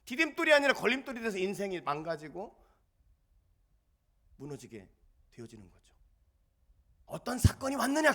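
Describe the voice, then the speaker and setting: Male pastor giving a sermon: animated and emphatic, high, lively pitch. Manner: animated and emphatic, telling stories. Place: church.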